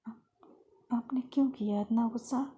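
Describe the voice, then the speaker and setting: A woman's voice: fairly high pitch, steady tone, normal speed, husky. A woman voicing Faiz, a tender, coaxing young woman. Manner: soft, coaxing, gently scolding. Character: caring young woman comforting her love.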